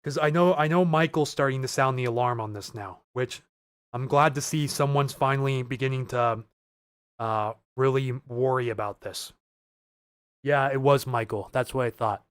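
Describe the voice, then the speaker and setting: A man's voice: medium pitch, moderate pace, clean tone, no room sound, clean studio sound. Nervous, earnest male weather streamer. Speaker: weather livestream host. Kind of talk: live-stream weather chat with viewers.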